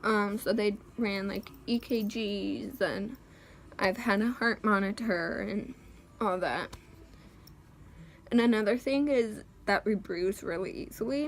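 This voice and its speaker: Slow-talking woman vlogger, hesitant. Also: mid-range voice, expressive, creaky, slight background noise. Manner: hesitant, many pauses and ums. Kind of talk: casual talk to camera.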